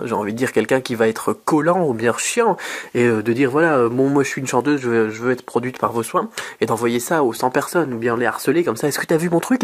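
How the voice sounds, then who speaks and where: Husky-voiced man from France, talkative advice host, lots of fillers. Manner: chatty, many fillers and restarts, lively pitch jumps. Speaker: YouTube host. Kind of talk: casual advice monologue.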